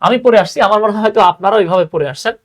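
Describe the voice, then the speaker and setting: A man's voice: high-pitched, rapid-fire. A young man teaches English grammar in an online class, chatty and full of little affirmations. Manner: chatty, repeats "হ্যাঁ", mixes English terms into Bengali.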